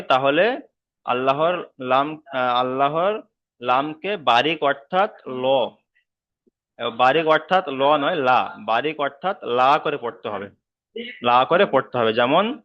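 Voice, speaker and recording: Male online teacher, patient and repetitive, dull video call audio, checks students often. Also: medium pitch. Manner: patient, repeats rules many times, checks understanding. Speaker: Quran reading teacher. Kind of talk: online class lesson.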